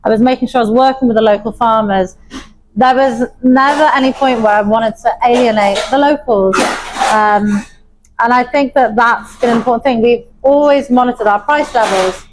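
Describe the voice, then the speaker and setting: A woman's voice: a little high, moderate pace, noisy background. Upbeat woman chef from Wales. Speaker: chef and pub owner. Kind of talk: interview conversation.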